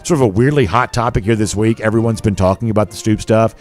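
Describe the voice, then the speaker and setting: A man's voice: on the low side, fast, darkish tone, soft background music. A man hosting a sports talk show, giving conversational college football commentary and leaning on key words for emphasis.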